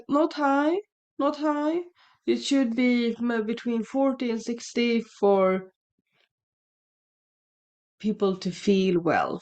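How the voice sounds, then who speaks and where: This woman is a native Swedish speaker from Sweden who vlogs about shamanism, here chatting loosely at home one morning and often correcting herself. Her accented voice is a little high and a little mellow, with a faint sniffle hinting at an oncoming cold. The audio is dull, from a headset mic in a dry indoor room.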